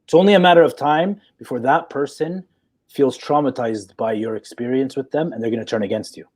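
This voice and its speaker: A man's voice: mid-range voice, brisk, a little mellow. Man, forties, psychologist guest, assertive, explaining, rhetorical asides. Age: 40s. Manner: assertive, lecturing with rhetorical "okay?" checks. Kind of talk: live chat discussion.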